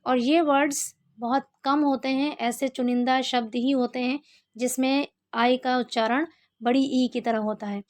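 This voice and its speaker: Woman, English teacher, high-pitched, unhurried classroom delivery. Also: steady tone. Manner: slow, drawn-out example words, repeating questions. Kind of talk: slow pronunciation lesson.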